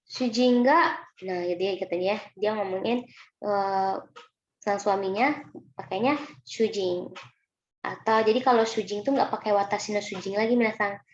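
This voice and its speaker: A woman's voice: medium pitch, normal speed, pauses often. Indonesian woman teaching kanji, roomy sound. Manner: patient, chatty, often addresses students as minasan. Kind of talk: recorded online lesson explaining kanji. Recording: roomy, dull lo-fi recording with faint noise.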